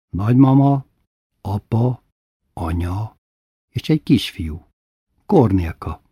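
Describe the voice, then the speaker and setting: A man reading a childhood memoir aloud as narrator, in a subdued, intimate storytelling manner with a husky voice. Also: on the low side, dark tone, dry recording, clean studio sound.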